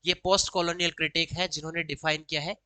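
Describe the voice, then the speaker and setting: Bright, crisp woman teaching. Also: low-pitched, flat delivery, dry recording, low-quality recording. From Haryana, India. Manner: slow deliberate reading of English questions, quick Hindi explanations. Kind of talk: exam solution lesson, reading questions aloud then explaining.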